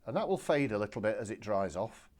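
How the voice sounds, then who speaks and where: A man, giving a relaxed, chatty step-by-step painting demonstration from his studio. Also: lowish voice, fast talker. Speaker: watercolour art instructor. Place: home art studio.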